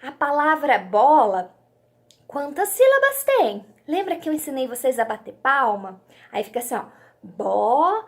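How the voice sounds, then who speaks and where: A woman's voice: high voice, sing-song, moderate pace. A Brazilian woman teaching a children's literacy lesson, stretching out syllables in a sing-song teacher voice and asking the children questions. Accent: Brazilian Portuguese. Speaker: primary school teacher.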